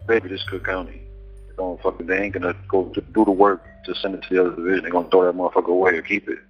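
Inmate, male, on a muffled payphone line; rapid, blunt, profane. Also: sits low, flat delivery, breathy edge, soft background music. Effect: jail payphone call, phone line. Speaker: jail inmate. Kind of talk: phone conversation.

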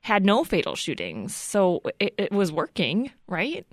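A woman radio host, calm and supportive, reading a scripted introduction and interviewing a guest. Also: mid-range voice, unhurried, dry recording. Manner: calm, supportive, with brief listening cues.

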